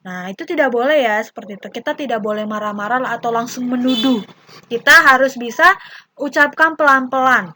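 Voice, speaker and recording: A woman's voice: fairly high pitch, fairly quick, sharp tone, a little hiss or hum. A young woman teacher with an Indonesian accent, patiently explaining a lesson to young children and acting out short example dialogues.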